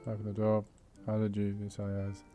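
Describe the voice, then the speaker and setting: A man's voice: on the low side, monotone, brisk, dark tone, faint music behind. A man hosting a gaming video, reading a story game aloud with casual commentary and a sleepy, yawning manner, skimming text with "blah blah.". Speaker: gaming channel host.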